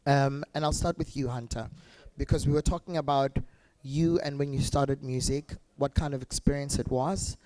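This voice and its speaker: A man's voice: medium pitch, fairly even intonation, normal speed, dark tone. A man moderates a panel discussion in an ordinary mid-range voice. He asks long, loosely built questions padded with fillers as he hands over to each speaker.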